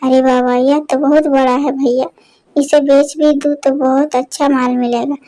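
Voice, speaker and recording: A woman's voice: high voice, little pitch movement, normal speed, dark tone, close to an everyday voice, poor audio. A woman voicing a sly, greedy male village thief who wheedles and pleads in a storybook tale. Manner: wheedling, pleading when caught.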